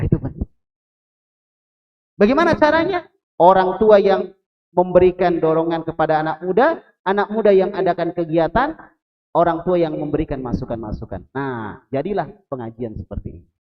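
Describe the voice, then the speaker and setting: A man from Indonesia giving a lively mosque sermon, putting questions to the congregation and joking with them. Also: on the high side, normal speed, pauses often, dull audio. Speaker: preacher.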